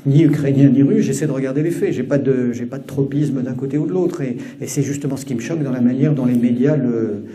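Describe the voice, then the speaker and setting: A man's voice: mid-range voice, fast, few pauses, mellow. A man from Brittany, speaking as an analyst in an interview, hesitant and insistent. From Brittany, France. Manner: hesitant, with restarts and fillers, insistent. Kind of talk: interview answer. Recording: roomy echoey clip.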